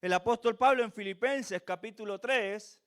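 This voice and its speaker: Preaching in a church, a Venezuelan man repeats himself earnestly and poses rhetorical questions. He speaks at normal speed in a high, fairly bright voice. His accent is Venezuelan with a slight Chilean tinge.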